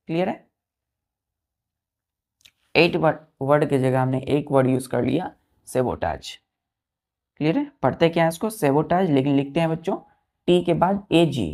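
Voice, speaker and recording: A woman's voice: low-pitched, darkish tone. A woman teaching exam vocabulary in a lesson, spelling each word letter by letter, repeating it for drilling and often checking whether students understand. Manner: keeps asking students if it is clear; addresses students as children, repeats words for drilling.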